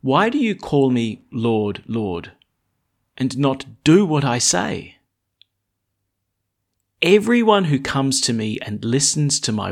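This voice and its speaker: A man, a priest, speaking at Mass in a church, deliberate when reading and conversational when explaining. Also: mid-range voice, creaky. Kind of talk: Gospel reading and informal homily at Mass.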